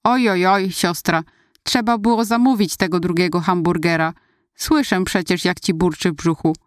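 Woman doing an excitable, teasing little brother. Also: lowish voice, moderate pace, dry recording, clean studio sound, close to an everyday voice. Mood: excited teasing. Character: boy, eager little brother, cheeky.

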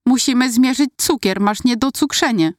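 A woman reading aloud voices a panicked eleven-year-old boy who shouts urgent pleas at his sister. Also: a little high, moderate pace, no room sound, studio quality, pitched above the performer's own voice, close to an everyday voice. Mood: alarmed, pleading.

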